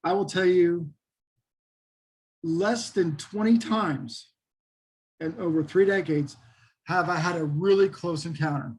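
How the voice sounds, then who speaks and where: Middle-aged male, high voice with a husky edge; folksy, keen interview guest. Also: slow pace, pauses often, low-quality recording. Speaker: interview guest, Bigfoot researcher. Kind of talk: casual interview talk.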